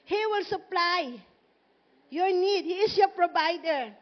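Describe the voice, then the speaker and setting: Woman pastor, sermon, animated and emphatic, rhetorical questions, very high pitch, muffled recording. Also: slow.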